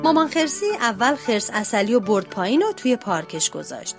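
A woman reading a children's storybook aloud as narrator, in an expressive, lively way. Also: fairly high pitch, over loud music. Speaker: translator and storybook reader.

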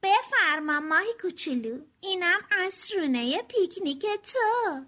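A woman reading a storybook aloud, voicing a young boy turtle who is stubborn and heartbroken, with a high, eager childlike voice. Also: animated, pushed and bright, exaggerated voice.

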